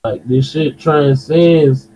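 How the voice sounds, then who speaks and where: A man from Detroit with a Detroit accent, talking in animated slangy chat on a podcast. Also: on the high side, takes it slowly, slight background noise. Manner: animated, slangy, repeats himself. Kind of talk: casual chat. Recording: dull lo-fi sound.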